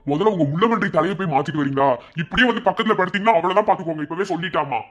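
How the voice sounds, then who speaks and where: A man's voice: high voice, racing, a bit bright. A man voicing a cheeky young male college student in a cartoon, with a Madurai Tamil accent and joking banter. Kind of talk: cartoon voice acting.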